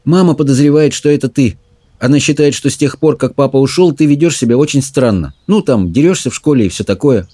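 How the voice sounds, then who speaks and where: Man putting on a teenage girl, bossy big sister, blunt and scoffing, raised voice, mellow tone. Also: mid-range voice, expressive, fairly quick, no echo, studio quality, voice pushed up, close to an everyday voice. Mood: scornful.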